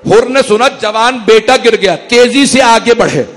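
A man preaching at a mourning gathering, telling a lament story in a fervent, declamatory sermon. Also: extremely high pitch. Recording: long hall reverb.

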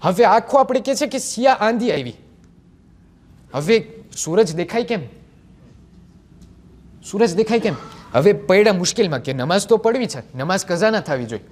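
Animated teenage boy preacher, lively pitch. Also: normal speed, long pauses. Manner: animated storytelling with rhetorical questions. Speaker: majlis preacher. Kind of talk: religious sermon to a gathering.

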